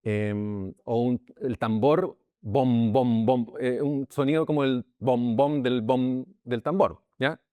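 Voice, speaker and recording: A man with a Chilean Spanish accent teaches a Bible class as a pastor, keeping it informal and conversational, checking in with his audience, and frequently restarting and repeating himself. He speaks slowly with hardly any pauses, his medium-pitched voice steady and darkish, with no room sound.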